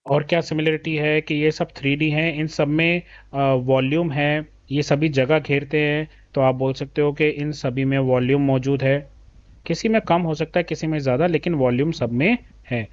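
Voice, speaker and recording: A man's voice: on the high side, fairly even intonation. Patient man teaching maths. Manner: patient, addresses children as beta; reads English questions slowly, then explains in Hindi. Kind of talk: explaining a class 3 maths textbook.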